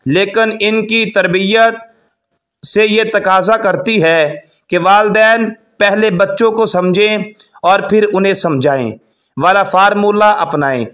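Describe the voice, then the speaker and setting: A man with a notably high voice reads out parenting guidance. His delivery is formal and measured, paced in short, deliberate phrases like a prepared talk. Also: fairly bright tone. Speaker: parenting advice presenter. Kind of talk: scripted advice narration.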